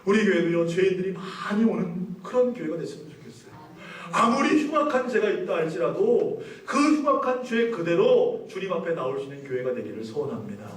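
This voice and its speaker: A man delivers a sermon as a pastor, often asking his congregation questions and pressing his points with emphasis. His voice sits a little high. He is picked up from a distance in a very echoey church hall. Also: animated, brisk, hardly any pauses. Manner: preaching with questions to the congregation, rising emphatic passages. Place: church sanctuary.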